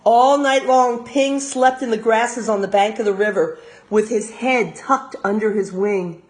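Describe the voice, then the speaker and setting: Reading a storybook to young children in a teacher's manner, an American woman uses a slightly high voice. Her delivery is expressive, punctuated by simple asides that explain the story.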